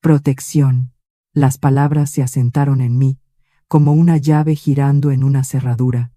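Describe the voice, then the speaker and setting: A woman telling a first-person story as scripted narration, in a measured and composed delivery. Her voice is dark and mellow, and the recording is dry and close. Each phrase is placed deliberately. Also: rumbling low, fairly even intonation, dry recording.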